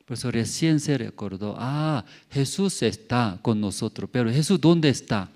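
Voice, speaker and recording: Slow, booming-and-hushed preaching man. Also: animated. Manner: rhetorical questions, repeats words, swings loud and soft. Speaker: pastor. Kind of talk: sermon. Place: church.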